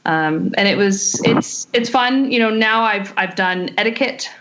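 Speaking unhurriedly at a medium pitch, this California woman is a sommelier guest answering questions thoughtfully, full of fillers and restarts. It's a casual interview, and there's noise in the background.

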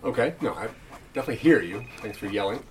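A man's voice: lowish voice, lively intonation, fast talker, natural voice. A man playing an officious customer service agent with weary, exasperated politeness on a comedy phone call. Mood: strained patience. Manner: formal, hesitant, exasperated politeness. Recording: faint background noise and ambience.

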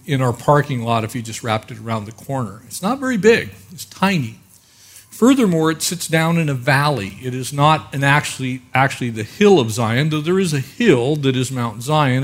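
A male pastor preaching a sermon into a pulpit microphone, conversational with frequent filler words, calling out for an amen. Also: mid-range voice.

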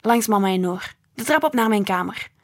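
A woman reading a children's book aloud in a gentle, expressive way. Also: medium pitch, a little fast. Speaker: storyteller.

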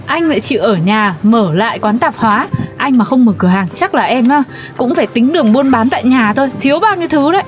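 A woman's voice: on the high side, expressive, quick pace, few pauses. A woman playing a chatty, cheerful neighbor customer in a comedy skit, with faint music underneath.

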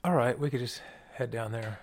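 A man's voice: medium pitch, normal speed, a little mellow. A man chatting casually as a player in a tabletop fantasy game.

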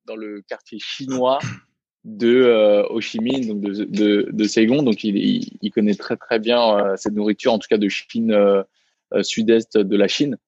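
A man's voice: lowish voice, little pitch movement, darkish tone, no room sound, lo-fi sound. A man, a restaurant co-founder, talking casually in a podcast interview, full of fillers and restarts. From Vietnamese heritage, raised in France. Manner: halting, many fillers and restarts.

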